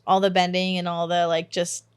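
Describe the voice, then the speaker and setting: A woman's voice: on the low side, normal speed, clean tone. A woman in her twenties co-hosting a podcast, chatting casually and telling stories with easy laughs. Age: 20s. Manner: animated storyteller, laughs easily. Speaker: podcast co-host. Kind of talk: casual chat.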